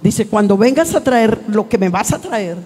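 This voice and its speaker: A woman preacher giving a fervent church sermon, shouting calls out to the congregation. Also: medium pitch, animated, normal speed, a little hiss or hum. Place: church sanctuary. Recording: long hall reverb in a church.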